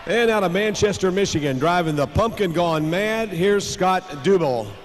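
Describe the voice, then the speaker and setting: A man's voice: high-pitched, expressive, normal speed, soft background music. A man working as a tractor pull announcer, presenting line-ups live and stretching out names like a showman. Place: large indoor arena. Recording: reverberant arena PA, background noise.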